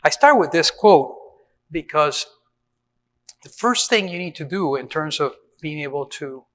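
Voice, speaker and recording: A man's voice: fairly high pitch, lively intonation, measured pace, a bit bright. A middle-aged man from Venezuela giving a conversational conference talk to facility managers, with frequent fillers and restarts. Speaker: conference speaker on building maintenance. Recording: reverberant hall.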